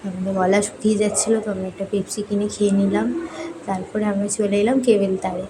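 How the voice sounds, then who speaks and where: A young woman from West Bengal chats cheerfully to her viewers while vlogging, talking to them directly. Her voice is slightly hoarse, and her pitch sits in a middle range. Clear outdoor noise runs under her speech. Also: little pitch movement, fast talker. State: hoarse from swimming. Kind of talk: casual vlog narration. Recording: noisy outdoor ambience.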